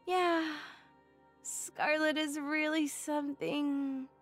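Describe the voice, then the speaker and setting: An actress voicing a tired, blunt, loyal young woman soldier in a video game, in a weary, halting, casual way. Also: high-pitched, steady tone, soft background music. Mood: weary, subdued.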